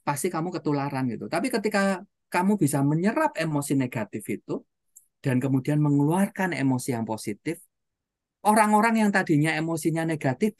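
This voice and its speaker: Brief: trainer telling audience stories, mid pitch, chatty asides, dry close sound. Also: no echo. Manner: storytelling, with frequent rhetorical questions and "gitu ya" tags. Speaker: seminar trainer. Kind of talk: motivational seminar talk.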